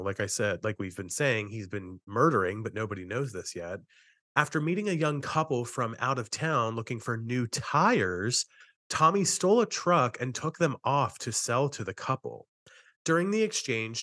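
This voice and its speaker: Medium-pitched man discussing true crime. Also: expressive, moderate pace, sharp tone, dry recording, studio quality. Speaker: co-host of a true-crime podcast.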